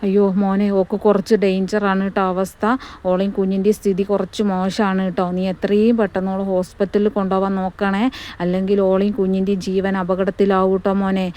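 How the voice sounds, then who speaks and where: A woman's voice: mid-range voice, monotone, brisk, warm tone, close to an everyday voice. Woman playing a motherly village midwife. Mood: urgent. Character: kindly village midwife, reassuring then urgent.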